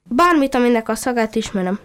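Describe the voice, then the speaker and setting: A proud little puppy dog with a keen nose, talking earnestly and patiently, as a woman storyteller puts him on. The voice sits fairly high and sounds smooth and clear. It is a storybook reading. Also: expressive, fairly bright tone. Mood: confident.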